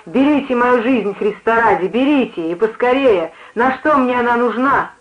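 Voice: mid-range voice, expressive, normal speed, natural voice. A reader doing a wild one-armed vagrant. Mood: desperate. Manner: wild, desperate shouting. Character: desperate one-armed homeless man. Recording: muffled lo-fi recording.

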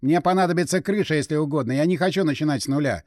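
A man's voice: a little high, very fast, darkish tone, no room sound, studio quality, close to an everyday voice. A man voicing an anxious, argumentative male conductor who keeps insisting and raising his voice in an audiobook. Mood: gruff.

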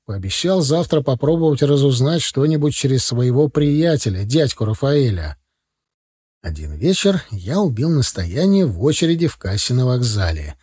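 A man reads a first-person story aloud with a husky, mellow voice. His pitch moves a lot as he tells it, bringing lively color to the narration. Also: normal speed. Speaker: audiobook narrator.

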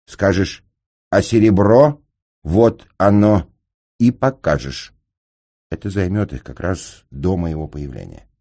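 A man doing a calm, ironic middle-aged engineer. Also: sits low, voice pushed up, full character voice. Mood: instructing. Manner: measured, dry, with slight stammers. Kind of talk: audiobook character reading.

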